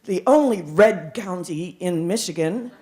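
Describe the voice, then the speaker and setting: Woman, middle-aged, live storyteller. Medium pitch, theatrical delivery, measured repetition for emphasis. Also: expressive, a little mellow. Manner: dramatic, deliberate phrasing with repetition. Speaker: professional storyteller. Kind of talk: live storytelling performance to an audience.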